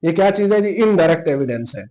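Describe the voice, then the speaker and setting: A fast-talking teacher with a higher, darkish voice and lively intonation leads an informal law exam-prep class, explaining things and dictating notes. He has a Pakistani accent, uses English legal terms within his Urdu, and repeats key terms.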